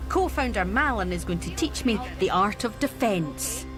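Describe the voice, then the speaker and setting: A woman's voice: medium pitch, lively intonation, over music. A Scottish woman hosting a travel show, cheerful and jokey, chatting on location and narrating. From Scotland. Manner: cheerful, jokey and quick to laugh. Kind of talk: presenting, chatty and with voice-over narration.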